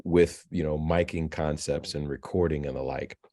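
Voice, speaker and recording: A man in his fifties, interviewed about his career, talking in a halting way with frequent restarts and repeated words. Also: a bass voice, steady tone, dark tone. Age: 50s. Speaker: filmmaker and novelist, alumnus guest. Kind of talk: interview, conversational. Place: virtual interview.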